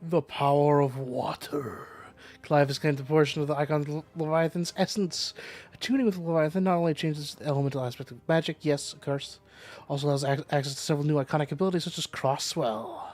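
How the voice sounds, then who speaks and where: A man's voice: on the high side, fairly even intonation, fairly quick, darkish tone. A man playing a video game, giving casual commentary and reading out on-screen text as he goes. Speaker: gamer, let's player. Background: game music.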